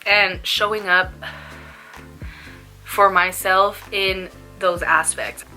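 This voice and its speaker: A woman's voice: mid-range voice, fairly even intonation, drawn-out words, pushed and bright, faint music behind. A young woman chatting casually in a laid-back, slangy stoner manner, as in a smoke-along vlog. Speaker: small YouTube vlogger.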